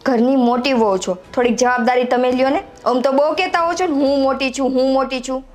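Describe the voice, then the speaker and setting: A woman's voice: high voice, brisk, darkish tone, lightly acted. A young woman playing a fed-up, overworked younger daughter-in-law who complains sharply. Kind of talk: family drama acting.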